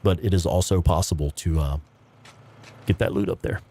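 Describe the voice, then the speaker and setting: A man's voice: low voice, normal speed, mellow. A man hosting a gaming livestream with casual, rambling commentary and some swearing. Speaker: livestream host playing a video game.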